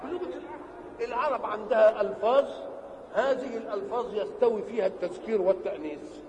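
A man with an Egyptian Arabic accent giving a religious lesson. He asks questions and answers them himself, and he stretches key words slowly for emphasis. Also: high-pitched, crowd noise. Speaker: religious teacher. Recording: reverberant hall with faint background noise.

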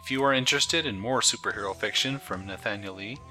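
A man's voice: lowish voice, fast, sharp tone, soft background music. A man hosting a story show, talking directly and casually to his listeners as he wraps up. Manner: friendly, addresses listeners directly. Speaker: story podcast host. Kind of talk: casual sign-off.

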